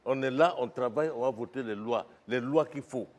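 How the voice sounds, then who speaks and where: A man's voice: mid-range voice, brisk, darkish tone, muffled recording. A man in a comedy sketch playing an indignant parliament member who lectures and stammers on repeats. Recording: long reverb of a stage hall.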